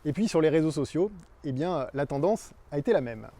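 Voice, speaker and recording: Guy doing a company yearly recap, kinda high mellow voice, hesitates a bit, chatty. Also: lively intonation, fairly quick. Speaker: communications agency presenter. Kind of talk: corporate year-in-review presentation.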